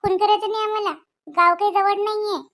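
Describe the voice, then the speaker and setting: A woman's voice: extremely high pitch, fairly even intonation, fast, sharp tone. A woman voicing a scolding village mother. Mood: warning. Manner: scolding, coaxing. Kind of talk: animated cartoon dubbing.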